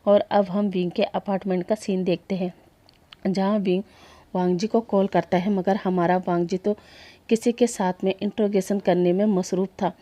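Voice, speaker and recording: A woman narrating a fan fiction story in a steady, plain retelling manner. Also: mid-range voice, normal speed, dry recording.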